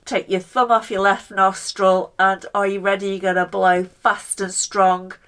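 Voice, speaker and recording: A woman's voice: medium pitch, flat delivery, a little slow, a bit bright. A woman leads a casual guided breathing lesson, talking the listener through steps in a playful, encouraging way. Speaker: breathing exercise instructor.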